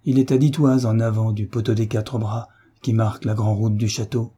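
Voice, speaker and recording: Give me a man playing a sturdy, dutiful farmer guide, calm and reassuring, with a dark, husky tone. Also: fairly low pitch, normal speed. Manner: steady, respectful, reassuring.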